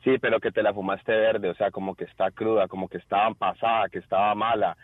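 A man's voice: on the low side, little pitch movement, fast, dry recording. A man with a Colombian accent calling into a radio show, telling a joke list and speaking directly to listeners while laughing at his own jokes. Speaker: caller. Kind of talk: joking top-ten list over the phone. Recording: tinny phone line.

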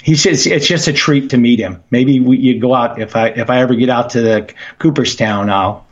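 Halting middle-aged man on a dull line. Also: medium pitch. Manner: halting, many restarts, earnest. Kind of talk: casual radio call-in chat.

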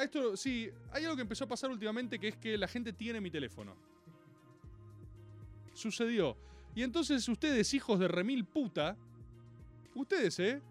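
Brief: Argentine male streamer, high and bouncy voice, teasing and swearing with his chat, then slowing into musings. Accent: Rioplatense Argentine Spanish. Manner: animated, teasing and profane, with slow musing asides. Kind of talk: casual live-stream monologue.

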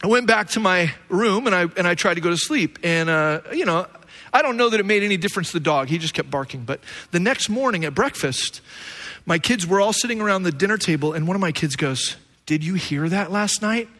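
A man preaching a sermon as pastor, explaining scripture and telling a self-deprecating story in an animated way. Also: high voice, brisk.

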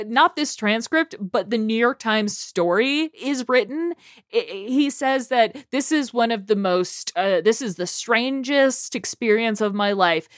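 Podcast co-host, woman, slightly high voice, halting and laughing delivery, dry close mic. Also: no echo. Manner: stammering, laughing, reads chat transcript aloud. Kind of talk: casual podcast chat.

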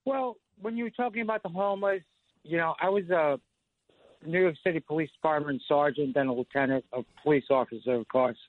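A man's voice: fairly high pitch, fairly quick, no room sound. A radio show caller in his fifties speaks through a tinny, phone-thin line with a dry, close sound. He has a slightly raised voice for a man. He rambles through a personal story, padding it with "you know" and "like". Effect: phone line call-in to a radio show.

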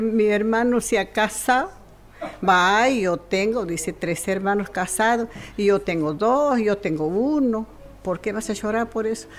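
A woman's voice: mid-range voice, a little hiss or hum, lightly acted. Comic bit: woman doing an old country firewood seller, folksy joker, plain mid voice. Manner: homespun, drawn-out storytelling with acted quotes. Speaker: comic storyteller. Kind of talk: folksy joke telling.

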